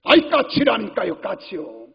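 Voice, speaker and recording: A man's voice: sits high, normal speed, voice pushed up. A man voicing an impatient, short-tempered grown son who answers in an exasperated, snapping way, in a reverberant church hall with dull sound. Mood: irritated.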